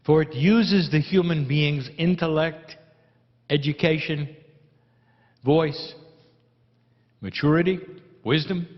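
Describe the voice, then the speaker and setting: A man giving a channeled spiritual address in solemn, deliberate phrases with pauses. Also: on the high side. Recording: dull recording in reverberant hall.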